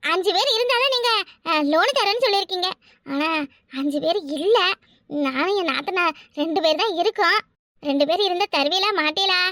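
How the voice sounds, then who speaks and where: A woman voicing a brash, quarrelsome village woman in a cartoon, talking loudly and boastfully. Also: very high voice, animated, brisk, no room sound, studio quality, heavily acted. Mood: pleading. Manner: loud, boastful, argumentative. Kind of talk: cartoon voice acting.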